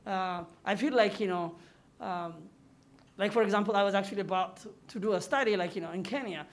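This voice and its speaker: A man's voice: high-pitched, brisk. A young man from Ethiopia, a PhD student in the audience, asking a rambling question heavy with fillers. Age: young adult. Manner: rambling, heavy with "like, you know".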